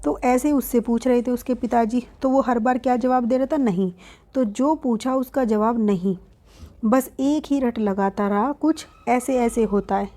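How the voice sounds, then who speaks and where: A woman's voice: a little high, steady tone, moderate pace, few pauses, mellow. A woman teacher reading a lesson aloud and explaining it line by line in simple words, calling her students "beta". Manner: reads lines aloud, then explains each in simple words.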